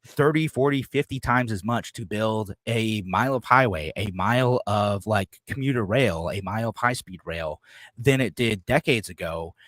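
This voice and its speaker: A man's voice: on the low side, moderate pace, fairly bright tone, no room sound. Man talking politics, dry close sound. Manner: many fillers and restarts, quotes others in voices. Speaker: podcast co-host. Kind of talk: casual political chat.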